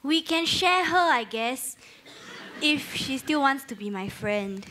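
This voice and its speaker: A woman's voice: high-pitched, expressive, takes it slowly, bright, forceful tone, a little hiss or hum, exaggerated voice. A young woman, acting in a student play as a former mean girl who is now awkwardly and eagerly trying to be nice. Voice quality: awkward, overeager.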